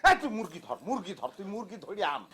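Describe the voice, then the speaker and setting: A hot-headed stubborn son-in-law. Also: male voice, sits high, big pitch swings, quick pace, a bit bright, slight background noise, full character voice. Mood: bullying. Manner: blustering, quarrelsome, switching to rude address. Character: hot-tempered stubborn new son-in-law, bossy and touchy. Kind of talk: comic TV drama acting.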